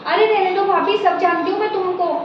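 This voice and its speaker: A woman's voice: very high-pitched, steady tone, over music. A woman playing a bossy young married daughter who scolds and taunts her brother's wife, in a home-made family drama skit recorded in a roomy room. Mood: scolding. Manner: scolding, taunting, quick to accuse. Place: indoors at home. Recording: roomy, dull lo-fi sound.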